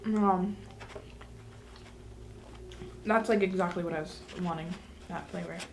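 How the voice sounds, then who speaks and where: A woman's voice: lowish voice, steady tone, measured pace, a little hiss or hum. A woman hosting a mukbang, chatting casually to viewers between bites of food. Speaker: mukbang host. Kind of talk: casual eating-show chat.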